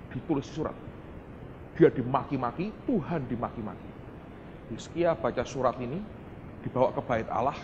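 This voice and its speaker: Male pastor, storytelling sermon, animated pitch, big hall reverb with a faint rumble. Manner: storytelling, lively swings from quiet asides to loud outbursts.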